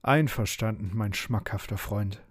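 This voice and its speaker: A man voicing a big, boastful, hungry wild dog in a bedtime storybook reading, gruff and menacing. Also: on the low side, unhurried, no room sound, studio quality. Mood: gloating.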